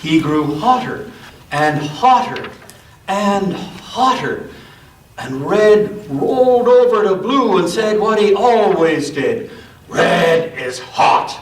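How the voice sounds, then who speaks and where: Speaking in a high, expressive voice, a man reads a children's story to an all-ages church group with dramatic pauses and careful emphasis. He keeps stopping for casual asides with listeners. The recording was made indoors with a distant mic, giving an echoey sound with faint noise.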